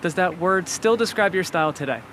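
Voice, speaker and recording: Guy interviewer, high voice, bouncy, rapid-fire questions. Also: expressive, fairly bright tone, slight background noise.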